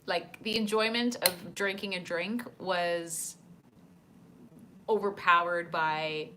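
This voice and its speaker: Chatty woman streamer with a low voice. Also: steady tone, slow, noisy background. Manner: chatty, laughs often, many fillers. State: hiccuping. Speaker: streamer reading chat. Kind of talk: casual live-stream chat. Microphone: desk microphone.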